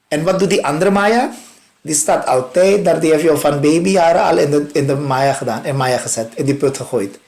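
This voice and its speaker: A male spiritual teacher tells a parable in an animated way, climbing to emphatic peaks and then sinking into quiet asides. He sometimes repeats a word while he searches for the next one. His delivery is that of an unhurried discourse. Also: fairly high pitch. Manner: animated storytelling, rising emphatic peaks and soft drops; searches for words, repeats himself.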